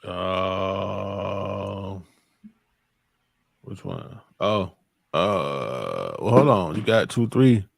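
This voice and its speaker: A man's voice: sits low, lively intonation, drawn-out words, gravelly, no echo. A man, co-hosting a live show in laid-back, chuckling banter. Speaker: co-host.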